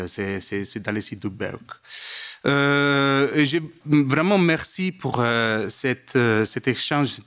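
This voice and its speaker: Halting Italian-accented man at a seminar. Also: mid-range voice, fairly bright tone. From Italy. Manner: halting, searching for words, non-native phrasing. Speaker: lobbyist asking a question from the audience. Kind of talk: spontaneous public question at a seminar.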